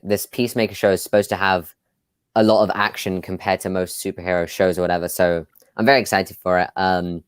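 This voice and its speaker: A man with a very low, deep voice hosts a relaxed live chat over a video call. He talks loosely, full of fillers and little laughs. The sound is dry and close, with no room around it. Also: clean tone, dry recording. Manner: chatty, many fillers, laughs often. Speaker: host. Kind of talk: casual live discussion.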